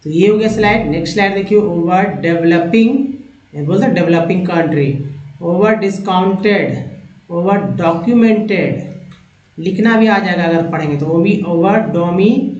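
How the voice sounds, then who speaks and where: A man from India teaching English words in a slow lesson, repeating each word and spelling out letters. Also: sits high, a little mellow. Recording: echoey lo-fi room.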